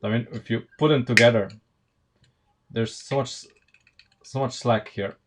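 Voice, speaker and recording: A Slovenian man with a Slovenian accent and a steady, mid-range voice chats unhurriedly on a live stream while building Lego. He thinks aloud, full of fillers and restarts.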